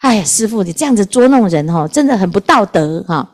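A woman's voice: mid-range voice, lively intonation, fairly quick, natural voice. A woman voicing an illiterate old village woman who chides a monk for teasing her. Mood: relieved scolding. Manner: chatty, exclaiming, teasing reproach.

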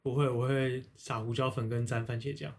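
A man co-hosting a casual podcast, retelling scenes in an animated storytelling way. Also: mid-range voice, brisk. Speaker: podcast co-host.

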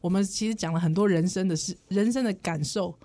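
A woman with a Taiwanese Mandarin accent co-hosting a casual podcast chat, animated and quick to burst into laughter. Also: mid-range voice. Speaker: podcast co-host.

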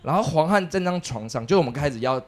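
A man telling a story as a podcast co-host, animated and acting out the people in it. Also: on the high side, quick pace, slight background noise. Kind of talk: casual storytelling chat.

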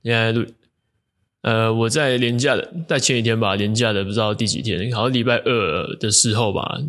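A man's voice: fairly low pitch, moderate pace, a bit bright. A man who works as a fitness coach tells a story in a casual vlog. He speaks Mandarin with a Taiwanese accent and rambles in a joking, crude way, swearing in slang as he goes.

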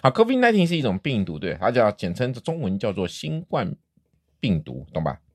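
A woman's voice: a bass voice, huge pitch swings, brisk, breathy edge, no room sound, studio quality. A woman hosting a casual talk show with children, playfully teasing and quizzing them. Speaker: podcast host.

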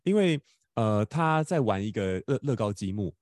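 A man's voice: on the low side, very animated, normal speed, darkish tone, no room sound, clean studio sound. A man, hosting a podcast and telling a personal story in casual chat, often restarting words and laughing as he talks. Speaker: podcast host.

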